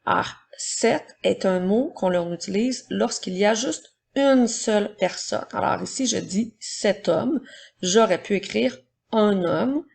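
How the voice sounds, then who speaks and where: Patient woman teacher with a gravelly voice. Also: medium pitch, a little mellow. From Quebec, Canada. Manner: slow, patient, explaining step by step to young pupils. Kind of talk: recorded spelling and dictation lesson for children.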